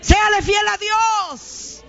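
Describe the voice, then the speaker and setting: A woman preaching a fervent sermon, calling out to her congregation and rising to shouts. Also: extremely high pitch, slow pace, gravelly, lo-fi sound.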